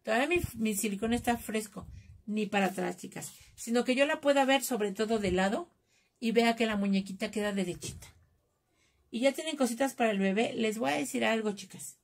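Brisk and gravelly, with a slightly high pitch, this woman with a Mexican accent runs a live craft session. She's chatty and jokey, addressing her viewers as "chicas" while she works.

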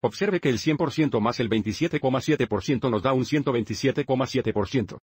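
Male math teacher, steady and methodical, husky voice at a middle pitch. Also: fairly quick, no echo. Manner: steady, methodical step-by-step explaining. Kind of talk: dubbed math lesson narration.

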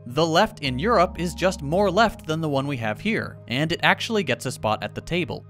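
A man's voice: on the high side, a bit bright. A man from the United States narrating a scripted video essay with sarcastic, wry asides.

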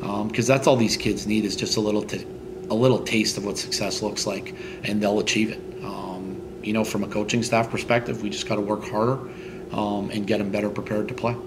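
A middle-aged man, a head football coach, answering post-game interview questions in a halting way, with many fillers and restarts. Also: lowish voice, steady tone, background noise. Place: indoors in front of a team logo backdrop.

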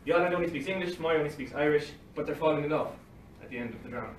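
Rapid-fire and a little high-pitched, a young man delivers an academic conference talk from paper at a lectern, breaking in with dry comments and short laughs. The clip comes from a phone camera across a library meeting room, sounding distant and roomy with faint hiss, like a livestream.

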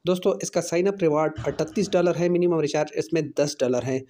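Mellow man narrating a walkthrough. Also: a little high, fast. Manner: steady step-by-step narration with repeated fillers. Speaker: channel host. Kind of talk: screen-recorded app walkthrough. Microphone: off-screen voice-over over phone screen recording.

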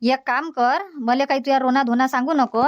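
A high-pitched, scolding elderly village mother, as a woman voices her. She talks down her son in a stubborn, repetitive, dismissive way, a cartoon comedy character. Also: fairly even intonation, brisk, muffled recording, close to an everyday voice. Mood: sarcastic.

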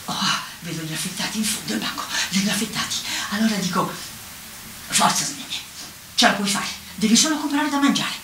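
A woman's voice: medium pitch, a little hiss or hum. A woman voicing a clumsy, exasperated old cartoon witch in a comic stage monologue, exclaiming and laughing as she talks. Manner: animated, exclamatory, laughs while talking. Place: outdoor town square stage. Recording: echoey, from far off, faint ambience.

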